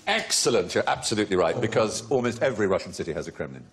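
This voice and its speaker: Male quiz host, lowish voice, swoops around a lot, laughs at his guests, faint noise. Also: expressive, very fast. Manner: wry, explanatory, laughs often. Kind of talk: hosting a comedy panel quiz. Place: TV studio with audience.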